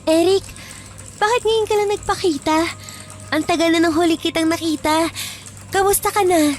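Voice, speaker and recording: A woman voicing a polite, tearful young girl who pleads softly. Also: very high-pitched, moderate pace, faint music behind, voice pushed up. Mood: longing.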